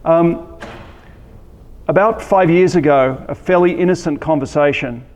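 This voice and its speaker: Man, Australian accent, conference talk, slightly high voice, long hall reverb. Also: measured pace. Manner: relaxed, joking, many ums and restarts. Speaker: conference speaker. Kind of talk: conference presentation.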